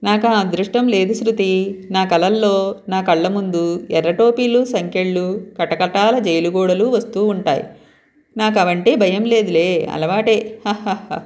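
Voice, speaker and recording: A woman's voice: mid-range voice, a little slow, a little mellow, close to an everyday voice. A woman voicing a brash, boastful man on the run from the police, reading him in a storybook tale. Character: brash male intruder on the run, cocky.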